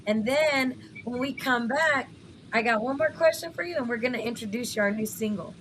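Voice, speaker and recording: Woman, West Texas twang, high voice, radio host, casual interview chat, some background noise. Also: normal speed, fairly bright tone. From West Texas, United States.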